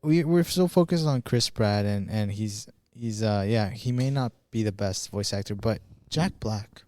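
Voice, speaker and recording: A man's voice: on the low side, a little slow. A man co-hosting a podcast, chatting casually with lots of fillers and repeats. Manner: animated, repeats himself, many fillers. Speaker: podcast co-host. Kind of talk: casual chat.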